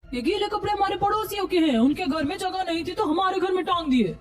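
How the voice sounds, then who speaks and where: Cartoon housewife, flustered, shrill, defensive, woman doing her, high voice, slightly distant. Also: animated, quick pace.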